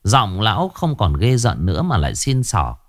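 A man's voice: on the low side, normal speed, dry recording, studio quality. A man narrating a horror story expressively. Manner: expressive, animated. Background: faint music.

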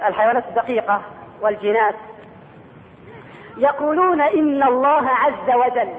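High-pitched Egyptian preacher in an echoey hall. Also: male voice, slight background noise. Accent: Egyptian Arabic. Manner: animated, questioning the audience, dramatic slowdowns. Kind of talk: sermon. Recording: echoey hall with faint ambience.

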